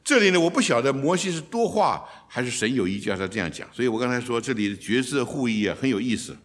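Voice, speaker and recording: Man, Bible teacher, expository teaching, mid-range voice, lively, rhetorical questions, English phrases mixed in. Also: mid-range voice, fast.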